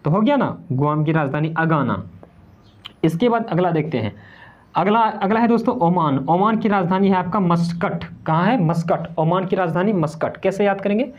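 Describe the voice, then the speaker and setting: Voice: medium pitch, normal speed. An online tutor explaining memory tricks for general-knowledge exams, repeating each point and asking questions only to answer them. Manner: repetitive, poses and answers own questions, keeps calling viewers "friends". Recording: slightly dull, lo-fi recording.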